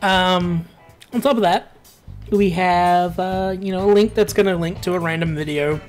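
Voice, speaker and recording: Speaking at normal speed in a steady, mid-range voice, a commentator chats over a match in a laid-back, rambling, ranty way full of filler words. Faint music sits behind him.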